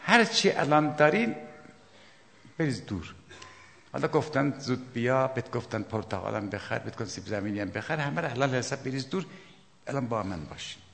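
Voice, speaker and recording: A man preaching a sermon, emphatic, swinging between loud outbursts and hushed asides. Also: mid-range voice, big pitch swings, creaky. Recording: long hall reverb.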